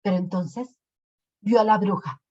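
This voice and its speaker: A woman telling a legend in an expressive storytelling voice. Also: medium pitch. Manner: slow, expressive. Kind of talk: storytelling narration. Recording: lo-fi recording.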